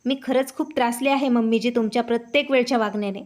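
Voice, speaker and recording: Woman reading as a harsh young wife, loud, accusing, high-pitched, storybook. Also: quick pace, close to an everyday voice. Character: harsh scolding young wife, sharp-tongued.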